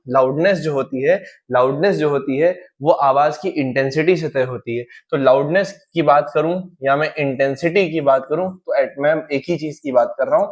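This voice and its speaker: Young man, informal physics coach, slightly high voice, lively asides, casual exam-prep lesson. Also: highs cut off. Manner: lively, chatty and informal, mixes in English terms and playful asides. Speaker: physics teacher.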